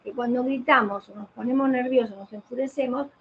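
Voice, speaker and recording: Her voice is a little high and fairly quick. She's a voice specialist giving an instructive online talk on voice care, raising rhetorical questions only to answer them herself, recorded through a computer mic on a video call with muffled sound and faint hiss.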